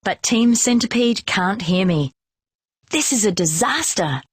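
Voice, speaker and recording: Slow, husky woman reading a storybook. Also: medium pitch, no room sound, clean studio sound. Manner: slow, expressive, clearly paced delivery. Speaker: storybook reader.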